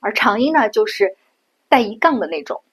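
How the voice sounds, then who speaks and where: A middle-aged woman from China giving a patient pronunciation lesson, slowing down and repeating sounds to show them. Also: mid-range voice, very animated, husky. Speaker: Japanese language teacher.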